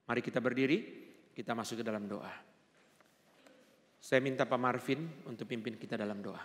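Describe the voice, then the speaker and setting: Pendeta pria berkhotbah di aula bergema. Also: male voice, medium pitch, normal speed. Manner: animated preaching, leads the congregation in call-and-response recitation. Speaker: pastor. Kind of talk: sermon. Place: church hall. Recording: long hall reverb.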